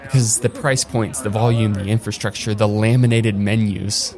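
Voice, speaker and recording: A man hosting a podcast, narrating a documentary script in a measured, earnest and emphatic way. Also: on the low side, fairly even intonation. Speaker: podcast host. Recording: narration over clear music.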